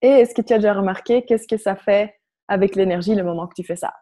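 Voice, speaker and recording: Female workshop facilitator, Flemish foreign accent in French, soft dark tone, halting delivery as she leads guided visualisation. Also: medium pitch. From Flanders, Belgium. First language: Flemish Dutch. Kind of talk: guided visualisation and spiritual coaching to an online group.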